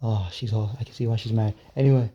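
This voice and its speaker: A man recounting a story to his viewers in a loose, rambling way. His voice is mellow and dark, with a flat, even pitch. He stumbles over repeated words and swears offhandedly. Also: fast talker, muffled recording, a little hiss or hum. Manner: irreverent, swears casually. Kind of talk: casual storytelling vlog.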